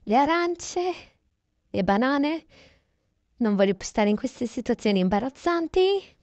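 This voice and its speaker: Voicing a toy-game roleplay, this woman casually makes up a story about her day, chatting and fixing her own words along the way. She's high-pitched with wide pitch swings, a little mellow, measured in pace, and the recording has no room sound.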